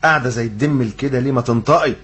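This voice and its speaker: A man's voice: mid-range voice, a bit bright, soft background music, lightly acted. An actor playing a cheeky, mocking young man in a comic radio drama, speaking with an Egyptian Arabic accent and firing off sarcastic banter. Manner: rapid, teasing, sarcastic banter. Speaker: son, comic lead.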